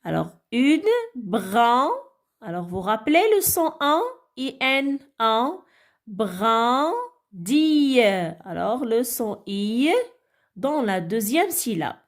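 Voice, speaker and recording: A woman teaching a reading lesson to young children, sounding out words syllable by syllable. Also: fairly high pitch. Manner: slow, syllable-by-syllable reading, animated.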